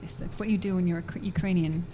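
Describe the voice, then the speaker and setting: An Australian university professor and artist, a woman with a fairly low, mellow voice, chats fast and in a steady tone during a radio interview. She laughs often and keeps restarting her sentences. The interview takes place at a busy public fair, with crowd noise behind her.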